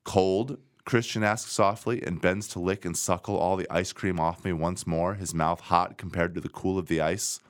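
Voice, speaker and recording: A man co-hosting a podcast, reading a romance novel aloud with deadpan, sarcastic asides. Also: deep voice, moderate pace, hardly any pauses, clean tone, dry recording, studio quality. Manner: sarcastic, deadpan asides between read passages. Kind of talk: casual chat with dramatic reading.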